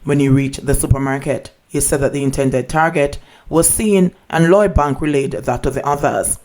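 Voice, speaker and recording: A man reading a scripted news report in a formal, measured manner. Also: medium pitch, a little mellow. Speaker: news narrator.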